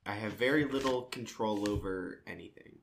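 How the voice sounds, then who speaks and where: Young adult son co-host; deadpan casual delivery, lower voice. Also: male voice, normal speed, vocal fry, slight background noise. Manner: dry, deadpan humor. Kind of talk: casual chat. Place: home dining room.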